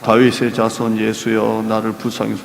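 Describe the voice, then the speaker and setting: A man's voice: fairly low pitch, completely flat delivery, moderate pace, creaky, pitched below the performer's own voice. A man crying out as a desperate blind beggar. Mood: desperate pleading. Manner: loud pleading cries, repeated. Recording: echoey church hall with long reverb.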